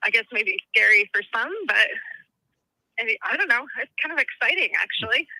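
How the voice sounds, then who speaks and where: A woman's voice comes through a speakerphone, very bright and sharp-edged, with a dry, close sound. She calls in to report live and speaks haltingly, often breaking off mid-sentence before picking the thought back up. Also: on the high side, lively intonation, no echo, rough recording. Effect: heard over a speakerphone call. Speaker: caller from a storm area.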